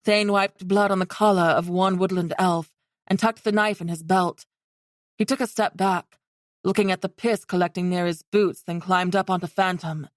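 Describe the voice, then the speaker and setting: A woman reading a fantasy romance audiobook in steady scripted narration. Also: fairly low pitch, normal speed, no echo, clean studio sound.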